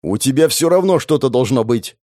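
A man voicing a rough, aggressive bandit leader who barks threats and demands. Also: mid-range voice, lively intonation, fairly quick, no echo, clean studio sound, close to an everyday voice. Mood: angry, threatening. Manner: barking, threatening, shouting demands. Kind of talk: audiobook character reading.

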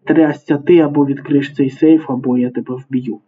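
A man's voice: mid-range voice, fairly even intonation, normal speed, husky, natural voice. A man voicing a ruthless, tense male criminal who snarls threats. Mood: snarling. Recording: tinny phone-like sound.

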